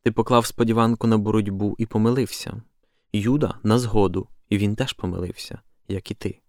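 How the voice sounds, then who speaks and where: A man reading the part of a calm, doubting apostle who speaks in a measured, reflective way. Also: fairly low pitch, dry recording, studio quality, close to an everyday voice.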